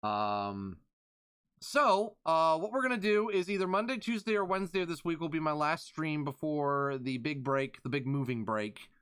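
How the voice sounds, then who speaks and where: A man's voice: fairly high pitch, expressive, moderate pace, a bit bright, smooth. A man streaming live, chatting casually and reading out thanks to followers.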